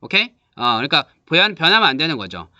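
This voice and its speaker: Lively, bright-voiced male teacher. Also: a little high, no echo, highs cut off. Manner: explains step by step, asks students quick check-questions; models vowel sounds aloud for students to repeat. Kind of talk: classroom lecture.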